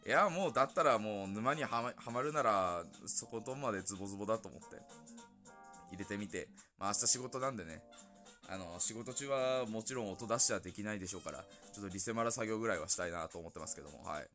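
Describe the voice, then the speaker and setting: A young man hosting a casual solo talk show, gushing excitedly about games and music with many fillers. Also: fairly low pitch, fast talker. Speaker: podcast host. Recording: faint music behind.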